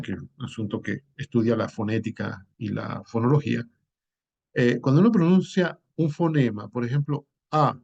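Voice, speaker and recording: A male teacher lectures his students in a classroom. His pitch sits mid-range for a man, and he works through each point slowly, often stopping on "eh" and repeating a word before going on. The recording is dull and lo-fi. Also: gravelly, darkish tone. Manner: unhurried explaining, with frequent "eh" and restarted words.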